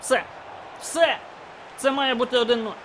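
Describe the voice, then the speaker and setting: A man with a very high voice calls his own football video game match as he plays. He talks through every pass, then bursts into shouting when a goal or a chance comes. A faint hiss of noise sits under his voice. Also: normal speed. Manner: excitable, shouts at goals and chances. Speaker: gaming YouTuber. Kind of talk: live game commentary.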